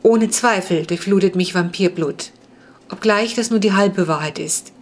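A woman's voice: medium pitch, normal speed, close to an everyday voice. A woman reading a storybook, voicing a polite half-vampire boy of noble blood who speaks in formal, courtly, old-fashioned phrases. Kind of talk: audiobook reading.

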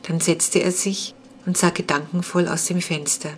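Woman narrating a children's audiobook, calm measured reading, low voice, faint background noise. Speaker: author reading her own book.

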